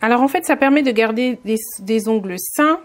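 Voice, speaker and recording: A beauty vlogger narrates a casual beauty tutorial in an expressive voice on the high side, at normal speed. She sounds friendly yet hesitant, addresses viewers directly and uses many fillers and restarts.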